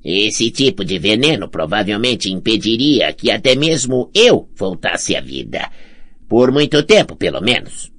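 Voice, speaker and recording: A man's voice: fairly low pitch, very animated, a little slow, fairly bright tone, voice pushed up, full character voice. A man voicing a greedy, scheming blind old man in an audiobook, sly and wheedling with theatrical swoops. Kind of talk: audiobook character voice.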